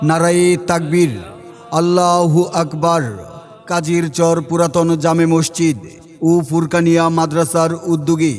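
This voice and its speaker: Flat-voiced man booming through a loudspeaker. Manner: slow, formal and drawn out, like a loudspeaker caller. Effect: loudspeaker announcement with long reverb. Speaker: event announcer. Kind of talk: formal public announcement. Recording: long reverb with faint music behind.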